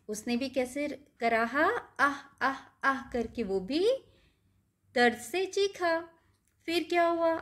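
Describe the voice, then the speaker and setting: Woman teacher, high and unhurried, walks kids through a rhyme with questions. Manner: slow, patient explaining with questions to the class. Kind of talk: explaining a nursery rhyme to children.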